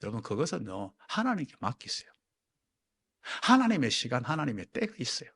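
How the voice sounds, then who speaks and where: Male pastor, sermon, bright and animated voice, hushed-to-loud delivery. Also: mid-range voice, fairly quick, vocal fry, husky. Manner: swings from hushed, near-whispered lines to loud, ringing exhortation; acts out quoted people in raised, excited voices. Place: church sanctuary.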